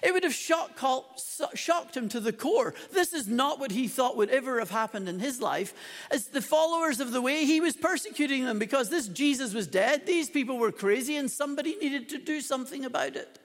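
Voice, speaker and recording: A man preaching a sermon with dramatic emphasis, his loudness rising and falling a great deal. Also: extremely high pitch, animated, fairly quick, in a large hall.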